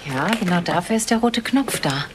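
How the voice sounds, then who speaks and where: An actress playing a kind, reassuring hospital doctor in a TV drama, gentle and matter-of-fact. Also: female voice, fairly low pitch, expressive, normal speed, heavy background noise, close to an everyday voice. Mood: caring, professional.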